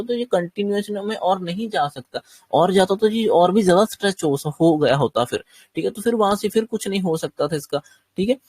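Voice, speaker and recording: Man, trading teacher, slightly sore throat, husky voice, dry close sound, explains step by step. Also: sits high, a little mellow, dry recording. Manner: explanatory, often checks understanding. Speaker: trading instructor. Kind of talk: chart-based lesson.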